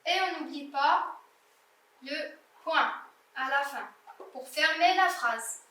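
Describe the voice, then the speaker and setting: A woman's voice: high voice, lively intonation, takes it slowly, sharp tone, reverberant, recorded from a distance. A young woman teacher correcting a primary-school reading exercise, patiently spelling out words letter by letter. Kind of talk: slow classroom exercise correction.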